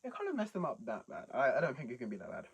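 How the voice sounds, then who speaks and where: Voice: medium pitch, wildly swooping pitch, rapid-fire, breathy edge. A young British adult chatting casually as a video host, reacting to confessions with slangy, incredulous rhetorical questions.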